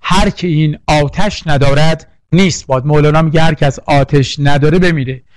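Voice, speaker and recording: A man's voice: fairly high pitch, steady tone, no echo. A man teaching a poetry lesson for exam prep, drilling lists and quizzing the class with questions. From Iran. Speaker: literature teacher.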